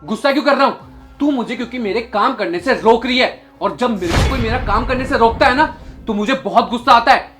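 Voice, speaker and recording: A man's voice: very high voice, fairly quick, music in the background. A young man playing an arrogant employer who harshly and contemptuously scolds his maid. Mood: angry scolding. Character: arrogant young male boss, short-tempered. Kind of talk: short film acting.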